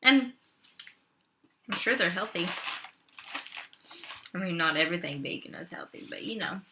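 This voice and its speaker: A woman's voice: on the low side, normal speed, background noise. A young adult woman talking casually at home while eating for her vlog, chatting between bites with her mouth full. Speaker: vlogger. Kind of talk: casual mukbang eating chat.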